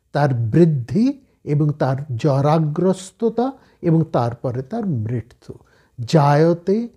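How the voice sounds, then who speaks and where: A man with a Bengali accent giving a slow, measured scripture discourse, explaining each point step by step. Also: a little high, dark tone, slightly rough, lo-fi sound. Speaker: spiritual speaker.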